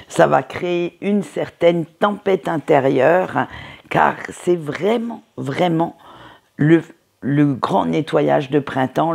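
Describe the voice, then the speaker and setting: A woman reading tarot cards for the week, talking in an unhurried, chatty way with many hesitations and little tag words. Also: deep voice, vocal fry, darkish tone, slightly rough. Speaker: tarot card reader. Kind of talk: weekly tarot energy reading.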